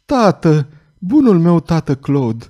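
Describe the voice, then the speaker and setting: Man putting on a timid frightened young woman, soft pleading voice, raised pitch, mellow tone, audiobook. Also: very animated. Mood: tender joy.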